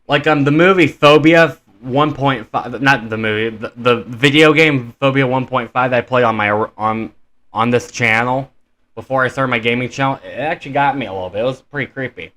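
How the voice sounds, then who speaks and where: Bright-voiced young man rambling. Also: mid-range voice, fairly quick. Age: 20s. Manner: rambling with many fillers. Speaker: reaction video host. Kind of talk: casual chat.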